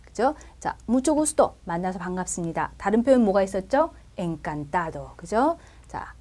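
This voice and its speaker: A woman's voice: medium pitch, very animated, a little slow, a little mellow. A woman teaching Spanish in a recorded lesson, explaining step by step and often checking in with her listeners.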